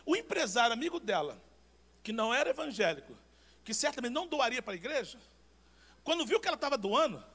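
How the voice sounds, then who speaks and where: A Brazilian man preaching a sermon as pastor, telling personal anecdotes in an animated, emphatic way with repeated words. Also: extremely high pitch, quick pace. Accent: Brazilian Portuguese.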